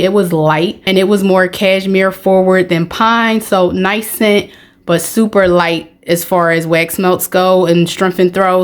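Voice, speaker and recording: A woman hosts a casual product review vlog in a matter-of-fact way. Her mid-range voice is a little raspy and hoarse because she's getting over being sick.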